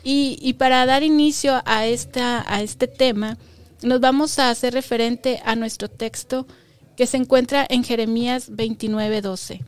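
A woman's voice: fairly high pitch, fairly even intonation, measured pace, clean tone. A woman teaching a Bible lesson to children, patiently asking them questions and stressing key words by repeating them.

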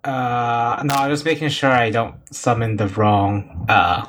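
A man talking casually and haltingly as a player in a tabletop game. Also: medium pitch, steady tone, a bit bright. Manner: hesitant, halting.

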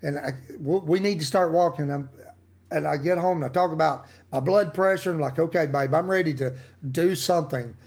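A middle-aged man preaching casually in a folksy, emphatic manner. His voice sits a little high for a man, and he laughs and throws asides to his listeners as he talks. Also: a little fast, darkish tone. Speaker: pastor giving a daily devotional.

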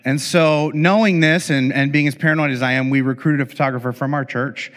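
A man's voice: medium pitch, fairly even intonation, a little fast, a bit bright. A middle-aged man, a pastor, telling a funny family story in a sermon, talking casually with many fillers and restarts. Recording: long hall reverb.

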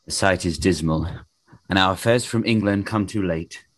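A man's voice: deep voice, normal speed, no room sound, close to an everyday voice. A man acting a grave foreign ambassador in a Shakespearean tragedy. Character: grave foreign ambassador bearing late news.

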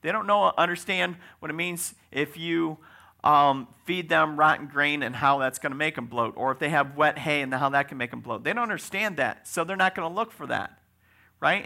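A man delivers a folksy, conversational sermon and often checks in with his listeners. His voice sits fairly high, bright and forward, with a lot of gravelly fry underneath. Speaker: preacher.

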